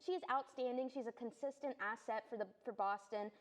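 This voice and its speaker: A woman's voice: on the high side, a little fast. A woman giving sports analysis on a panel, enthusiastic and chatty.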